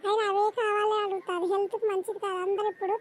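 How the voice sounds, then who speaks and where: A woman's voice: very high voice, flat delivery, rapid-fire, slight background noise. A woman narrating a village cartoon story in a gossipy, conversational way.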